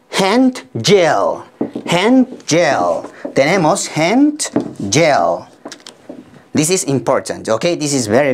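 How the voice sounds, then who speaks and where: A woman from Peru with a Peruvian Spanish accent, teaching an English lesson, repeating each phrase slowly and translating it, with frequent encouragement. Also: sits low. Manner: encouraging, praises students often. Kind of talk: bilingual classroom lesson.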